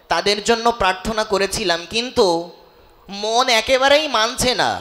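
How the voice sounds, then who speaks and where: A man's voice: very high-pitched, bright, forceful tone. A man giving an impassioned devotional sermon and leading the crowd in chanting. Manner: slow, impassioned, leads chanting. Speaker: preacher.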